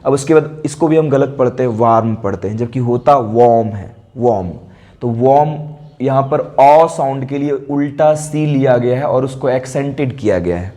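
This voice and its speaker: A man with an Indian accent teaching an English lesson for exam prep. He has a mellow, darkish voice and explains step by step, saying each example word slowly and more than once. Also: medium pitch.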